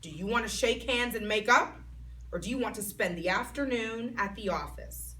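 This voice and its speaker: A woman reading aloud and voicing a patient male teacher who corrects and scolds calmly. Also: medium pitch, close to an everyday voice. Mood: stern calm. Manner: calm, measured, corrective. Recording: voice a bit far from mic, faint background noise.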